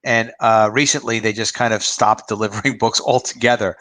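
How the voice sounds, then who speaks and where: A man's voice: lowish voice, steady tone, a little fast, fairly bright tone. Opinionated fifty-year-old man. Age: 50s. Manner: opinionated, rambling with restarts. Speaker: author and publisher. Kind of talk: casual livestream chat.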